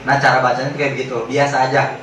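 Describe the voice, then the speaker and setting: A man teaching Quran recitation rules in casual slang, joking with his class and chanting drawn-out examples. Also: mid-range voice, completely flat delivery, a crowd in the background. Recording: very echoey hall, mic at a distance.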